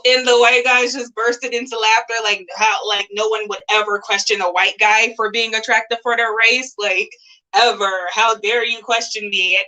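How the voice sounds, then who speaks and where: Bright-voiced chatty woman interviewer. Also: medium pitch, poor audio. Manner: chatty and rambling, with lots of "like". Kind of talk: casual live interview chat.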